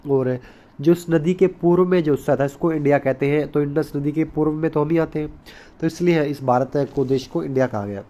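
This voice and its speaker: A man's voice: fairly high pitch, a little fast, mellow. A man teaching a recorded school lesson, explaining step by step, repeating key points and mixing English terms into his Hindi.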